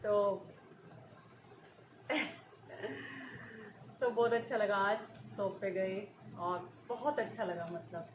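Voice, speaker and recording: A woman's voice: medium pitch, extremely slow, long pauses. Giggly chatty woman in an echoey room. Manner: chatty, giggly, rambling storytelling. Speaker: vlogger. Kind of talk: casual chat to viewers. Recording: echoey room with faint ambient noise.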